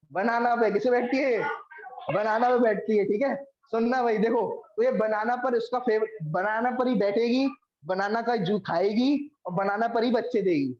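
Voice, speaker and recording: A man teaching biology, coaxing his students and repeating each question back to them. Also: high voice. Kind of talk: classroom lecture. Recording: echoey room, dull lo-fi sound.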